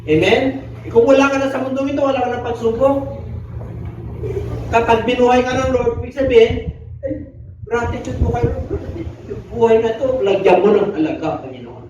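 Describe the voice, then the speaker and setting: A man's voice: extremely high pitch, normal speed, a little mellow, slight background noise. A man with a Filipino accent preaching a sermon, mixing Tagalog and English and putting questions to the congregation. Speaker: pastor. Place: church hall. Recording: echoey distant muffled live recording.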